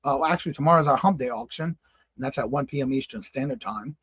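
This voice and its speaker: Speaking quickly at a medium pitch, a man in his fifties hosts a laid-back morning live stream, chatting with viewers by name as he reads comments and reacting in disbelief. His voice is a bit bright and slightly rough, and the muffled recording has no echo.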